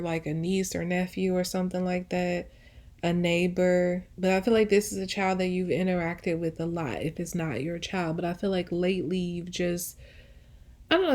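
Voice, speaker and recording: This woman, a host who reads tarot, has a mid-range, darkish voice. She delivers an intuitive pick-a-card reading in a relaxed, conversational way, frequently looping back to put her ideas another way.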